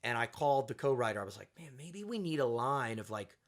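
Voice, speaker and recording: A man, a music producer guest, telling stories in a relaxed podcast chat and acting out quoted voices. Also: medium pitch, quick pace. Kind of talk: casual podcast conversation.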